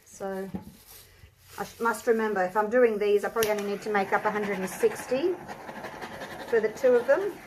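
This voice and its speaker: A woman's voice: mid-range voice, moderate pace, pauses often, noisy background. Australian woman, slightly muffled behind a mask. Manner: chatty, thinking aloud. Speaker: craft tutorial host. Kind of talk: casual chatty demonstration. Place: indoor craft table.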